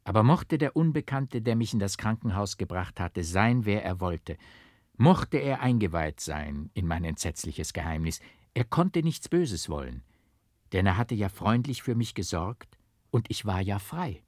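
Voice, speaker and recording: A man reads a literary novel aloud in a measured, dramatic way, with a lowish voice. The sound is dry and close, with no room echo. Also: sing-song, a little mellow. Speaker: audiobook narrator. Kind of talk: scripted literary narration.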